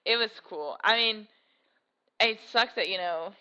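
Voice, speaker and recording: A young woman co-hosting a casual podcast chat, animated and filler-heavy, swearing freely. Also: medium pitch, unhurried, clean tone, dull audio. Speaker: podcast co-host.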